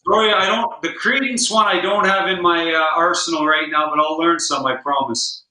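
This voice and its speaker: A man's voice: a little high, steady tone, normal speed, sharp tone. A man guest-hosting a podcast, chatting casually and easily with fillers. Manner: easygoing, rambling with fillers. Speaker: guest host and guitar player. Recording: roomy echo.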